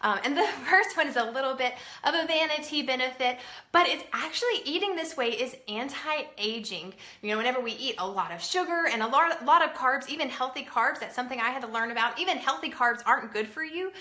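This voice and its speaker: Bright-voiced chatty woman in her thirties. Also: sits high, expressive, fairly quick, reverberant. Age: 30s. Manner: chatty, upbeat, many fillers. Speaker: vlogger. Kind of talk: casual chat to camera. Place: at home indoors.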